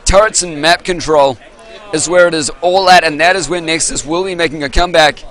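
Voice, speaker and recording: A man casting a live esports match, excitable and rambling, losing his voice, at a venue with an audience. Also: on the high side, fairly quick. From New Zealand. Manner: excitable, rambling, self-interrupting. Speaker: esports caster.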